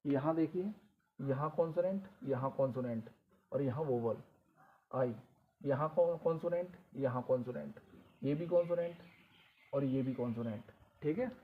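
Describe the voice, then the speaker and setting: A man teaching a lesson, explaining slowly and repeating rules with question prompts. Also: mid-range voice. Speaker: English teacher. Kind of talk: classroom-style lesson. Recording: tinny phone-like audio with faint noise.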